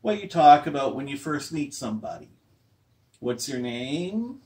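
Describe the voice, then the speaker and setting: A man speaking slowly and patiently as a teacher, walking language learners through a listening exercise. He pauses to check whether anyone has questions. His voice sits at an ordinary pitch and comes from some distance away from the mic. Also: expressive, warm tone. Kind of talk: classroom lesson to language learners.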